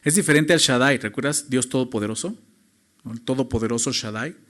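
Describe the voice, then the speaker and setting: Man, pastor, sermon, rhetorical questions, loud and soft by turns, mid-pitched voice. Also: fairly quick. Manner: emphatic, with rhetorical questions to the congregation; swings from loud high emphasis to low quiet phrases.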